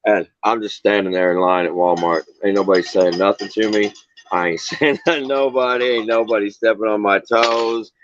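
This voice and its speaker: A man's voice: fairly low pitch, fairly even intonation, a little fast, muffled recording, slight background noise. A man from Southern Missouri with an Ozarks accent, calling in to a casual chat and telling a rambling, folksy story with frequent laughs. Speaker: caller.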